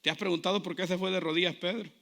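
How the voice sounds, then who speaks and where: A male pastor preaching a sermon with passion. His delivery keeps building up to loud shouts. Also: high-pitched, fairly even intonation, very fast, gravelly. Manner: impassioned preaching, rising to shouts.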